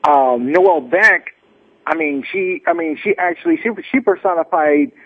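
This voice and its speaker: A man calling in to a radio show over a thin, clipped telephone line. He talks haltingly and restarts often, with a lively, swooping pitch. His voice is a little husky and sits fairly high. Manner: halting, with many restarts and fillers. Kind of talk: casual phone chat. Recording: narrow-band phone call.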